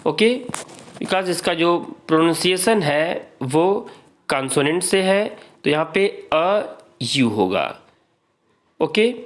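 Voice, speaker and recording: A man with an Indian accent and a fairly high voice teaches an exam-prep grammar lesson, reading out word pairs and drilling students to repeat them.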